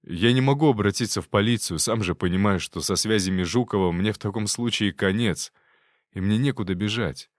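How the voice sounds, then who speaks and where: A man voicing a frightened young male servant who confesses in a halting, hesitant way, read as an audiobook character. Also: lowish voice, dry recording, studio quality, natural voice. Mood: confessing.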